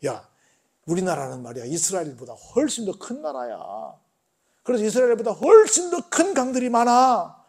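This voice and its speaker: An indignant, proud army commander grumbles in a high-pitched voice, as a preacher puts him on. He is quick to take offense and resents what he has been told. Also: sing-song, gravelly, a little mellow, husky, heavily acted. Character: proud angry foreign army commander, man.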